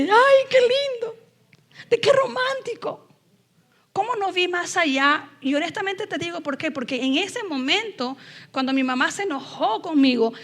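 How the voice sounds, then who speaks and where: Woman, high voice, middle-aged, from Ecuador, church testimony, animated storytelling. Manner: lively storytelling with acted quotes. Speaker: church speaker giving testimony. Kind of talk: personal testimony sermon.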